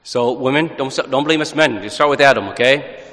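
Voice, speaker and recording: A man preaching in a large church, mid-pitched and earnest, often pausing and restarting his phrases. Every word trails off into a long cathedral echo. It sounds like a live homily at Mass. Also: a bit bright. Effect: cathedral echo, long reverberation. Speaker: priest. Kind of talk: gospel reading and homily at Mass.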